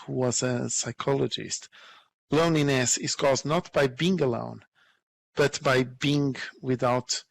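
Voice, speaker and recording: A man who is a nurse and educator, giving an earnest, heartfelt conference presentation. He talks haltingly and often repeats words as he gathers his thoughts. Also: mid-range voice, gravelly, fairly bright tone.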